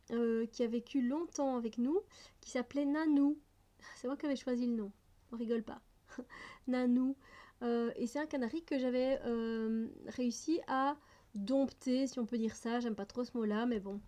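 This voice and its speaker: A woman's voice: high-pitched, mellow. A woman vlogger reading out personal questions and answering them in a casual, chatty way, often laughing and hesitating.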